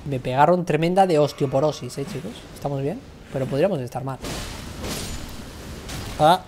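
A woman's voice: deep voice, moderate pace, warm tone, slight background noise. A young woman with a Spain Spanish accent chatting and complaining dramatically while streaming a game, swearing freely. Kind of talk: live game stream commentary.

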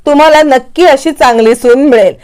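A woman retelling a TV serial voices an agreeable middle-aged woman who reassures and flatters. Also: high voice, fairly quick, close to an everyday voice. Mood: reassuring.

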